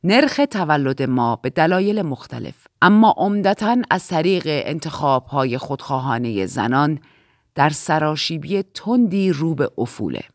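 A woman reading an audiobook, voicing a stern middle-aged male commander who lectures slowly and coldly. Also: low voice, no echo, clean studio sound.

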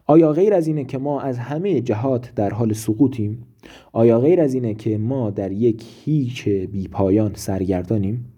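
A man voicing a raving, ailing philosopher who declaims loudly and grandly. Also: medium pitch, breathy edge, dull audio, lightly acted. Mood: declaiming.

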